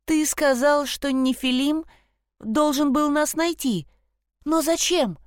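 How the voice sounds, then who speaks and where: Woman doing an excited high young girl. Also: slow, no room sound, clean studio sound. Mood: urgent.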